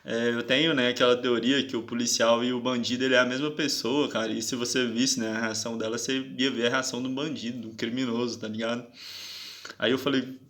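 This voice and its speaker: A man's voice: mid-range voice, little pitch movement, fairly quick, a bit bright. A young man tells his story casually to viewers, in an aggrieved, slangy way, and keeps checking "sabe?".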